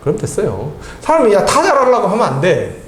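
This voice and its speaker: Man, math tutor, animated tag questions, echoey small room, faint background noise. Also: high voice, brisk. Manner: quizzing with constant tag questions. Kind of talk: tutoring lesson with casual chat.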